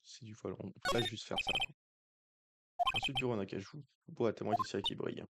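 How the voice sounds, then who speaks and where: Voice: medium pitch, huge pitch swings, brisk, creaky, heavy background noise. A let's-play commentator giving casual, joking gameplay commentary full of slang and swearing. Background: loud game music.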